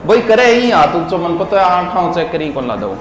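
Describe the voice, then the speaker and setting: A man's voice: sits high, big pitch swings, moderate pace. A man, teaching in a classroom lecture and drilling words syllable by syllable while quizzing his listeners. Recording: echoey hall with faint noise.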